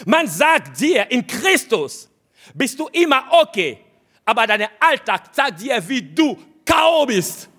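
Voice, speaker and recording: A man's voice: very high voice, very animated, slow, fairly bright tone, breathy edge. A man preaching a sermon, speaking straight to his listeners and hammering home short, repeated exhortations. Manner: addresses listeners directly.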